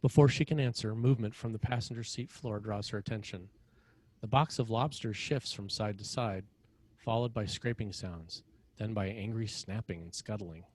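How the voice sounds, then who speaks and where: A fairly low-voiced man reads the scripted narration of a screenplay at a table read, covering scene headings and action. He speaks at a moderate pace, and his voice sounds a little mellow.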